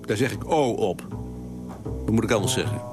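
An actor playing a weary, laconic husband who answers in short, dry replies in a radio drama. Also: male voice, lowish voice, lively intonation, normal speed, music in the background, close to an everyday voice. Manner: terse, dry, curt replies. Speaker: husband, office worker.

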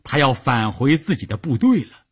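A man reading a long serial story for radio, with expressive, acted-out narration. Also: medium pitch, moderate pace, husky.

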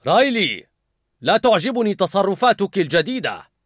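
A man's voice: sits high, wildly swooping pitch, normal speed, fairly bright tone, dry recording, studio quality, pitched above the performer's own voice, full character voice. A man voicing a stern middle-aged father who scolds firmly. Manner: scolding, firm.

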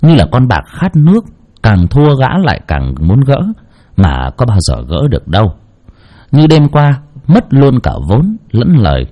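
A man's voice: mid-range voice, huge pitch swings, a little slow, highs cut off. A man telling a story in dramatic, colloquial scripted narration.

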